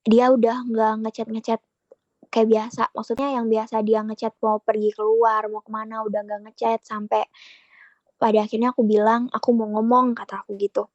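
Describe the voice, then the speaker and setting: Speaking at a moderate pace with little pitch variation, a young woman with a slightly high voice tells a podcast host about her relationship, quoting both herself and her partner in a chatty way. The sound is dull, with no room tone.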